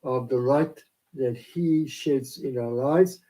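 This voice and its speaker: A South African man whose native language is Afrikaans talks devotionally into a laptop camera from his small home office. His voice is warm and mid-range, and his delivery is rambling and halting with many fillers. The recording is rough.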